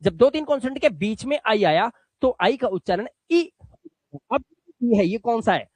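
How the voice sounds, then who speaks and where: A man's voice: very high-pitched, lively intonation, moderate pace, no room sound. A man teaching English phonics in a spoken lesson, patiently repeating rules and stretching out example words, often checking that the learners follow. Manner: coaxing, checks understanding often.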